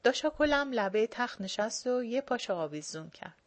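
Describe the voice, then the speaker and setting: Woman storyteller, relaxed first-person reading. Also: on the high side. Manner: casual spoken storytelling. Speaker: reader.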